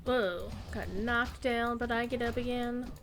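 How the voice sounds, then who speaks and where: A woman's voice: fairly high pitch, fairly even intonation, a little slow, slight background noise. A woman giving casual gameplay commentary, chatty and playful, thinking aloud as she goes. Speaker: gamer, streamer.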